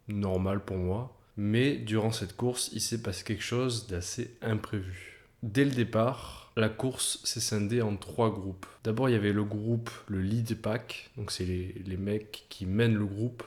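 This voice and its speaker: A man with a fairly low voice tells a personal story straight to the camera in a motivational monologue. He speaks to the listener as if to one person and leans on repetition to build tension. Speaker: video creator.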